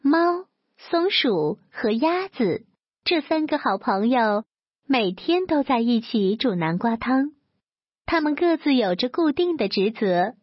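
Slow, husky woman reading a story. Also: on the high side, very animated, no echo. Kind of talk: children's story read aloud. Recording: dull lo-fi dry recording.

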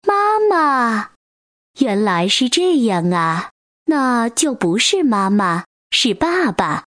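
A woman doing squeaky little baby ankylosaurs. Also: very animated, slow, a bit bright, dry recording, studio quality, heavily acted. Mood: eager. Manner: high squeaky childish calls. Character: excited little baby ankylosaurs, a chirpy group.

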